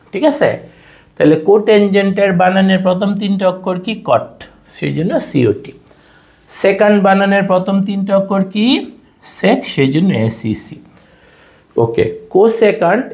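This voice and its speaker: A man's voice: sits high, a little mellow. A man teaching a school math lesson with a Bangladeshi Bengali accent, asking questions and answering them himself and spelling terms letter by letter. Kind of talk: classroom lecture.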